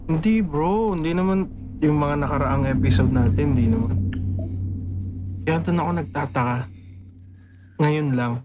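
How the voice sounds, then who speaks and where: A man's voice: fairly high pitch, moderate pace, long pauses, very noisy. A man co-hosting a podcast in casual chat, prompting his friend with follow-up questions. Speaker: podcast co-host.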